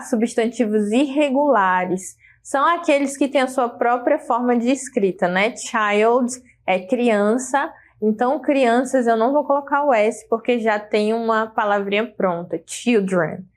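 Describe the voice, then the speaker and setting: A woman with a Brazilian Portuguese accent gives a patient, step-by-step grammar lesson in a fairly high voice. She keeps checking in with her students as she goes. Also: unhurried. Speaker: English teacher. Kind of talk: classroom lesson explaining grammar.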